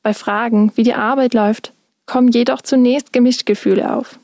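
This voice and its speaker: Mellow-voiced woman reporter, dry sound. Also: a little high, steady tone, normal speed, no echo. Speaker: student radio reporter. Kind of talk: scripted narration.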